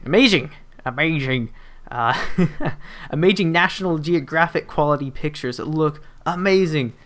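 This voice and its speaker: A young man, talking casually over his gameplay footage as a gaming YouTuber, rambling with plenty of fillers and joking asides. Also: a little high. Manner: rambling and chatty, with frequent fillers and restarts and playful asides.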